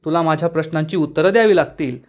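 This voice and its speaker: A man's voice: on the high side, very fast, darkish tone, highs cut off, close to an everyday voice. A man reading as a stubborn teasing young village woman. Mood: pressing.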